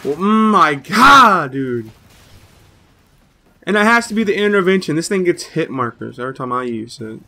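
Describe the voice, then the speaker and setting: A slightly hoarse young man giving excitable, trash-talking live commentary over his own gameplay as a gaming channel host. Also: fairly high pitch, normal speed, long pauses. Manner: excitable trash talk, cursing. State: slightly hoarse, a little sick.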